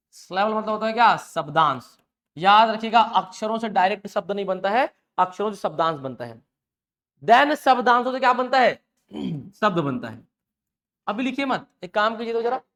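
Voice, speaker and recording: A male teacher, giving a live class in a lively, chatty way. He keeps asking the students questions, answers them himself and repeats the key words. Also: high-pitched. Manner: lively and chatty, with homely examples and mild jokes. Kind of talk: live online class lecture.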